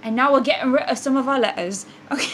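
High-voiced playful woman podcast host. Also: a little hiss or hum, low-quality recording. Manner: teasing, playful, quick banter. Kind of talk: casual chat.

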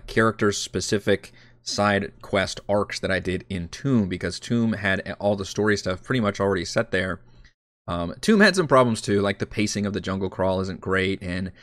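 A man's voice: sits low, a bit bright, no echo, studio quality. A man running a tabletop campaign, chatting casually and rambling, poking fun at himself and swearing now and then. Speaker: dungeon master. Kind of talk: casual livestream chat while prepping a game.

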